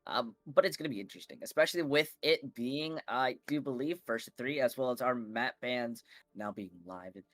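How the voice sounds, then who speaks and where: Brief: male esports caster, mid-pitched, loose joking delivery, dry booth sound. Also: fairly quick, fairly bright tone, no room sound. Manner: rambling, playful, many fillers. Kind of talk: casual live game commentary.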